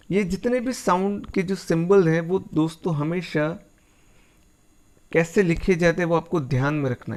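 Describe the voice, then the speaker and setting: A man with an Indian accent teaching a phonetics lesson, repeating points patiently and mixing English words into his explanations. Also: fairly high pitch. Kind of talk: classroom-style lesson.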